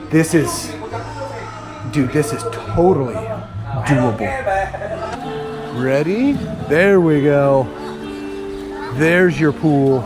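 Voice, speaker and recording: A man vlogging a casual walking tour of a budget island resort, talking in an enthusiastic, chatty way, recorded outdoors with music playing behind him. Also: on the high side. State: out of breath. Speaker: travel vlogger.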